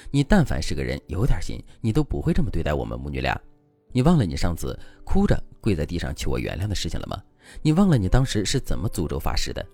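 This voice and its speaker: A fed-up betrayed wife in her thirties, indignant and reproachful, as a man reads her lines. The voice sits low and gravelly, with wide, swinging pitch over quiet background music. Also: wildly swooping pitch, fast talker, exaggerated voice.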